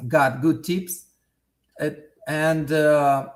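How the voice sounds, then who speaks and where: Halting replies, lots of fillers and restarts: a Russian-accented man in his thirties, Russian by native tongue, is being interviewed. His voice is a little high and level.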